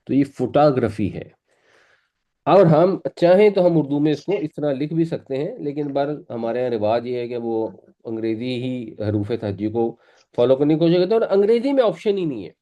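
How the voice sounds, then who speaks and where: A man's voice: fairly high pitch, animated, dull audio. A man teaching a Quran class, patiently explaining pronunciation and repeating words for his students. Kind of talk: classroom lesson.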